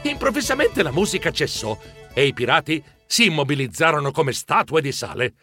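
A man narrating a children's story in the first person, with animated, expressive delivery. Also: on the high side, a little fast, faint music behind. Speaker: audiobook narrator.

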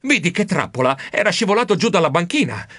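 A man narrating a children's audiobook in the first person, animated and expressive. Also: sits high, fast talker, background noise.

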